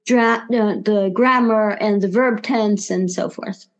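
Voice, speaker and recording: A woman's voice: mid-range voice, slow, highs cut off. A woman with a New York accent, a language coach speaking as a guest in a casual interview, explaining things earnestly in careful phrases.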